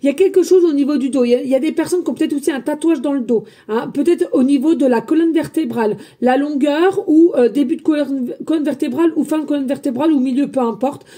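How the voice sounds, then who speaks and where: A woman medium giving a spiritual guidance reading, talking loudly and emphatically and chatting with her viewers as friends. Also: high-pitched, quick pace, hardly any pauses. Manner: loud, emphatic, energetic talk. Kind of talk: casual spoken guidance to viewers.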